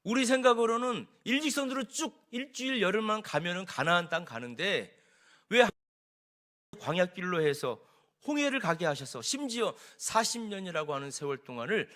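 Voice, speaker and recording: Male senior pastor, lively sermon delivery, bright forward voice. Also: sits high. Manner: animated preaching, rising and falling emphasis. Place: church sanctuary.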